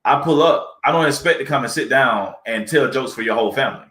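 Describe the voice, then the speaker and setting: Relaxed man in a roomy space. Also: medium pitch, fast. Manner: relaxed storyteller, acts out quoted people. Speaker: guest comedic actor. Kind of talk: casual interview chat. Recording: roomy echo.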